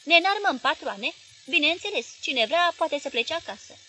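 Woman reading as a fired-up reporter guy, loud and eager, bright voice. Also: high voice, animated, voice pushed up. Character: bold male journalist ready to fight.

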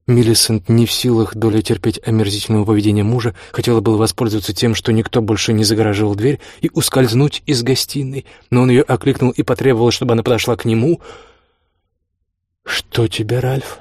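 A man's voice: on the low side, level tone, quick pace, few pauses, darkish tone, no room sound. Man reading a novel aloud, dry sound. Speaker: audiobook reader. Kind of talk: scripted narration.

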